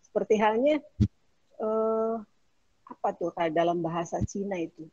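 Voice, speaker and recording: A woman's voice: mid-range voice, normal speed, dark tone, no echo, highs cut off. A woman lecturer explaining Arabic pronunciation patiently in an online class. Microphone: video call.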